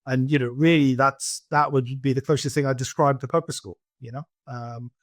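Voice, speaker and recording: A Welsh man in his forties, a professional poker player, is a guest on a casual podcast, rambling loosely with lots of fillers and restarts and laughing often. His mid-range voice keeps a fairly even intonation at a moderate pace, recorded in clean studio quality with no room sound.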